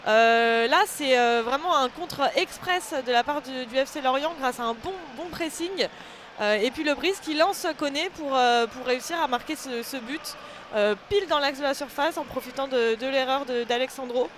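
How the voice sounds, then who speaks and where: A football co-commentator giving live sports commentary and analysis in a hesitant, halting way, repeating words. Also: sits high, fairly bright tone. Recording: noisy outdoor ambience behind the voice.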